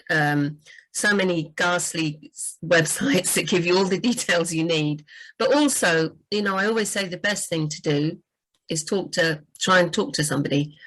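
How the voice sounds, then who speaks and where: A woman's voice: lowish voice, a bit bright, low-quality recording. A woman, a book editor, talking casually about writing, full of "you know" and restarts. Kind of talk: casual livestream chat.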